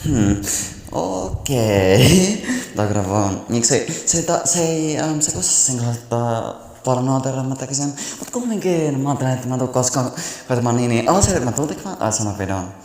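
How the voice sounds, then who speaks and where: A man's voice: medium pitch, expressive, a little mellow. A man hosting a parody ASMR video, rambling, trailing off mid-sentence and breaking into silly noises. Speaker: video host. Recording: echoey room with long reverb and noise.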